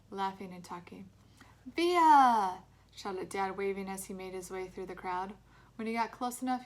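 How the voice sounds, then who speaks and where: A woman teacher reads a chapter book aloud to her young students. Her storytelling is expressive and clear. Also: mid-range voice. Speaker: elementary school teacher. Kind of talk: reading a children's novel aloud.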